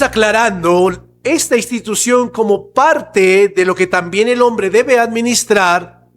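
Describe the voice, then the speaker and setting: A pastor preaching a sermon to his church, slow and emphatic, asking rhetorical questions. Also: high voice, a bit bright, low-quality recording.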